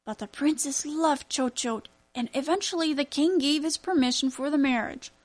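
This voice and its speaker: A woman voicing a strong, kind old grandfather who tells his grandson stories, in a warm, steady storytelling manner. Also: high-pitched, normal speed, close to an everyday voice.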